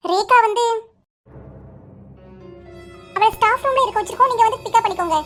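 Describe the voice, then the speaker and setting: A cartoon schoolteacher who speaks quickly and politely, voiced by a woman. Her voice is very high, bright and sharp, and music plays faintly behind her. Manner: brisk, polite. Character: female schoolteacher calling a parent. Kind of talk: cartoon voice acting.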